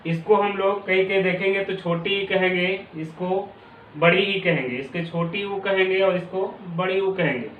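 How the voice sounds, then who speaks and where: A high-pitched male teacher with a Bihari Hindi accent explains a classroom lesson at normal speed, repeating definitions and drawing out sounds. The recording has a little hiss or hum, with an echoey room and a distant, tinny, phone-like mic.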